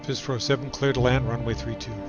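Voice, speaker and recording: A man's voice: medium pitch, little pitch movement, fast. A man playing a flight simulator pilot, reading back tower instructions in clipped radio calls over a cockpit headset. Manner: clipped, procedural radio phrasing. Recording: muffled lo-fi audio with loud background music.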